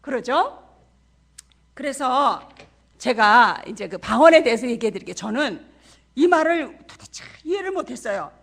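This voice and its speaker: A woman's voice: fairly high pitch, expressive, normal speed, gravelly, long pauses, a bit bright. A middle-aged woman missionary preaching a sermon in a church, passionate and full of rhetorical questions to the congregation.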